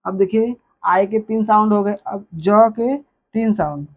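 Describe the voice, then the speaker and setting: A woman teaching a phonics lesson, repeating example words slowly with stretched emphasis. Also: mid-range voice, a little mellow, dull audio.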